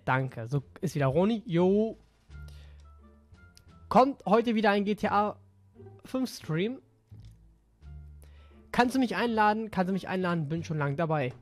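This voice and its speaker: A man talking casually as a gaming YouTuber, reading out messages in an offhand, slangy way. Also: sits high.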